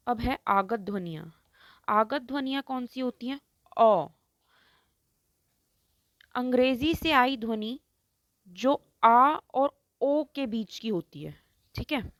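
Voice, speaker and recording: A woman teaches Hindi grammar in an online lesson, taking her time and saying every example word slowly and distinctly. Her voice sits fairly high. The recording is close and dry, with no room sound. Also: no echo. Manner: slow, explains step by step, keeps asking "ठीक है".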